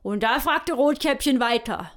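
A woman's voice: high voice, a little slow. A woman telling a bawdy comic fairy tale in a hearty, rambling, folksy yarn style. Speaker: storyteller.

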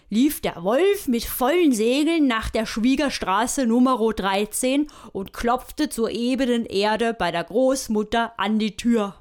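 A woman telling a cheeky, bawdy version of a fairy tale in the manner of an old sailor's yarn. Her voice sits a little high, and she rambles along heartily, with asides to her listeners. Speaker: storyteller.

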